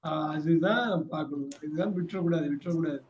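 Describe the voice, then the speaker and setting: A man's voice: fairly high pitch, brisk, a little mellow, a little hiss or hum. A man teaching English, repeating prompts and patiently correcting his students' answers. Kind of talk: bilingual class drilling. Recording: dull lo-fi.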